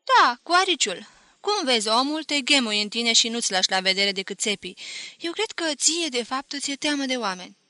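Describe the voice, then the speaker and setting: A woman's voice: a little high, animated, bright, forceful tone, no echo. A woman reading young Valentina, earnest. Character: young woman Valentina, frank and gently probing.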